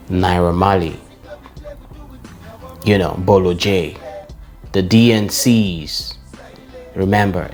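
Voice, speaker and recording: Deep-voiced Nigerian man reminiscing. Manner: nostalgic, listing names with shout-outs. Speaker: vlogger. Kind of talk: reflective personal vlog.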